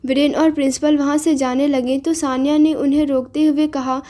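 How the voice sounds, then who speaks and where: A woman narrating a story in a steady, expressive reading voice. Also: sits high, moderate pace.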